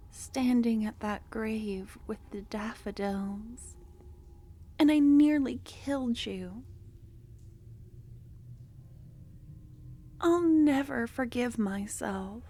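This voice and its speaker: She plays the same possessive, obsessive cultist lover for an ASMR roleplay, soft-spoken and slipping into whispers with a tender but menacing edge. Her voice is on the high side, and the mood is bitter and regretful.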